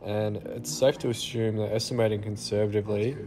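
A young Australian man giving a relaxed, self-deprecating voice-over walkthrough of his renovated house. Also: fairly low pitch, brisk. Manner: laid-back, self-deprecating. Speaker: home renovation vlogger. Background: soft guitar music.

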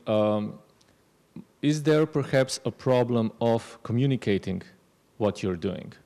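A man in his thirties, a panelist with a journalism background, asking long, measured questions into a handheld mic at a panel discussion. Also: fairly low pitch, creaky, darkish tone. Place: lecture hall stage panel. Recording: long hall reverb.

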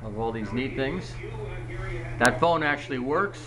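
A man's voice: mid-range voice, expressive, a little slow, crowd noise, poor audio. A man filming a casual walkaround vlog on a handheld camera, talking with lots of fillers and restarts. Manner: hesitant, many fillers and restarts. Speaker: vlogger filming a local diner.

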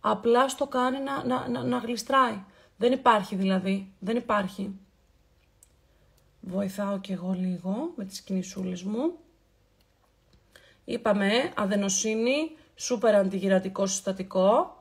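A woman's voice: medium pitch, vocal fry, long pauses. A woman hosting a casual live skincare stream. She talks in a chatty, affectionate way, greets viewers by name and playfully repeats words for emphasis. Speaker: beauty livestream host.

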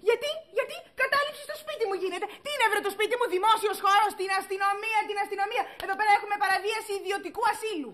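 A woman's voice: hardly any pauses, a bit bright, slight background noise. An actress playing a strict schoolteacher woman who is panicking and close to tears in a sitcom. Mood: frantic. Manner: frantic, shrill exclamations. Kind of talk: sitcom acting.

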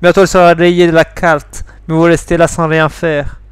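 A man voicing a bitter Polish soldier on trial, in a put-on Slavic accent, slow and proud. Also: on the high side, flat delivery, clean tone, dry recording, studio quality, lightly acted. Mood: defiant.

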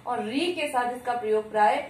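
Teacher, woman, high voice, patient question-and-answer explaining, sounds a bit far from the mic. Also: darkish tone, a little hiss or hum. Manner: explains slowly, asks the class questions and answers them herself; stretches out example words to show how they are said. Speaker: Hindi grammar teacher. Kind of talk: classroom-style video lesson. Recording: echoey room, voice a bit distant from the mic.

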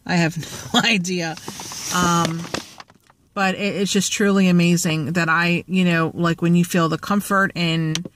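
This woman's fairly low, fairly bright voice has little pitch movement and a slightly slow delivery, with slight background noise. She's vlogging from a parked car, phone at arm's length, rambling and joking with lots of fillers.

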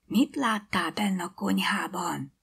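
A woman's voice: lowish voice, a bit bright, heavily acted. Whispered role-play: a small, worried girl, as a woman reads her. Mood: whispering. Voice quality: breathy whisper. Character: anxious little girl, whispering at night.

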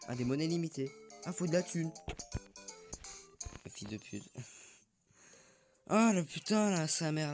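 A young man giving jittery, excitable commentary while playing a horror game, swearing when startled. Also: mid-range voice, vocal fry. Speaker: gaming YouTuber. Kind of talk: live gameplay commentary.

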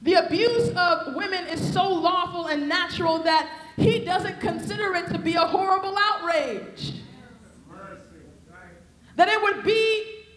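A young woman with a very high, fairly bright voice preaches a sermon into a handheld mic on a convention hall stage with a podium. Her delivery has a rhythmic, repetitive cadence, and the hall is echoey.

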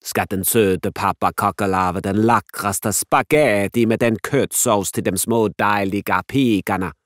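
A man's voice: lowish voice, a bit bright, no room sound, clean studio sound, natural voice. A man voicing a playful father in a storybook, teasing and showy.

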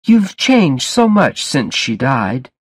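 A man voicing a soft-spoken young woman, a worried bride, in a read-aloud story. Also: mid-range voice, big pitch swings, slow, no room sound, clean studio sound, pitched above the performer's own voice. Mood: tender.

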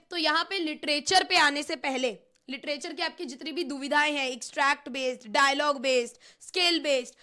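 A woman's voice: sits high, pushed and bright. A young woman teacher, running a live online revision class in a chatty, teasing way and slipping phrases into her talk.

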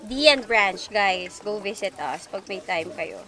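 A young woman outdoors at a campsite, calmly explaining step by step how she makes an iced latte from her cafe. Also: medium pitch, measured pace. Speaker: cafe owner showing a coffee recipe. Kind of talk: casual demonstration. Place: outdoors under a car awning at a campsite.

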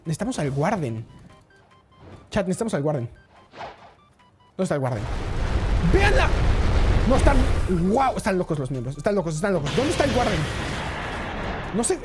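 An excitable woman streams a game live and keeps talking to her chat. Her pitch swings widely from line to line, and music plays loudly behind her. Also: a little fast, pauses often. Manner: excitable, chatty, talks to chat.

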